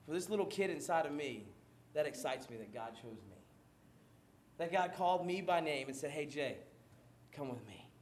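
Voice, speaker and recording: A high-voiced male pastor from Maryland delivers an animated sermon. He laughs often and pokes fun at himself. The sound carries the echo of a large room. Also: normal speed, slight background noise. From Maryland, USA.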